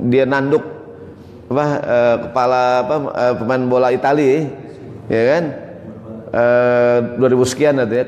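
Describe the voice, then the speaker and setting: Lively male preacher in an echoey hall. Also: a little high. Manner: lively, asks the audience questions, jokes. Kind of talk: mosque sermon. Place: large mosque hall.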